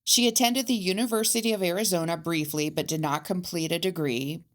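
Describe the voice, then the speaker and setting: A woman's voice: lowish voice, a little fast. A woman co-hosting a casual true-crime podcast, reading case facts with hesitant fillers. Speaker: podcast co-host telling the case.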